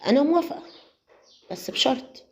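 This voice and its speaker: A woman with an Egyptian Arabic accent voicing a tense, secretive young woman in a narrated story, speaking in a raised, sharp voice. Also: on the high side, animated, very fast. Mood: tense, defensive. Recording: slightly muffled lo-fi audio.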